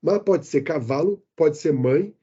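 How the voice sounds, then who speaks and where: An older Brazilian man with a Brazilian Portuguese accent, a podcast guest who tells stories in a lively way, with frequent restarts and fillers. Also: a little high, a little fast, husky. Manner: animated storyteller, many restarts and fillers. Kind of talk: casual interview chat. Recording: dull lo-fi remote podcast audio.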